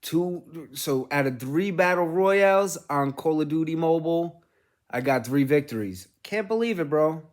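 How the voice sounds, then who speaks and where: A middle-aged man, rambling casually as a vlog host, telling things in an animated way with casual swearing. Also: on the high side, unhurried. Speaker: gaming streamer and host.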